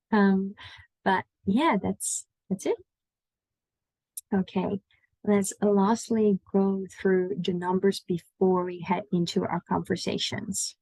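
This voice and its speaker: A woman's voice: mid-range voice, level tone, slow pace, long pauses, warm tone, no room sound, rough recording. A woman giving an online language lesson, patiently explaining pronunciation and inviting the listener to repeat after her. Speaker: language teacher.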